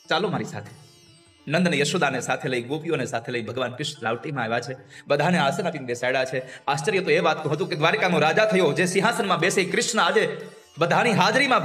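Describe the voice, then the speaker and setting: High-voiced man telling a devotional story. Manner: emotional, voice drops soft and tearful for the mothers' pleas. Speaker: katha storyteller.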